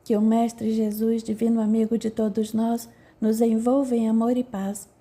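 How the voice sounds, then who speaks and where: A woman voicing a serene male spirit mentor giving a calm, gentle sermon in an audiobook. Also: fairly high pitch, moderate pace. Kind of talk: audiobook narration.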